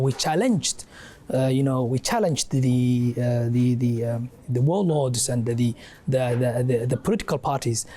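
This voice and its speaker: A young man from Somalia speaks as an interview guest, his voice mellow and warm. He talks haltingly, filling pauses with "um" and "uh" and restarting his phrases often. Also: medium pitch. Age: young adult. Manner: halting, many fillers and restarts. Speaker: guest, adviser and academic. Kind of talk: interview answer.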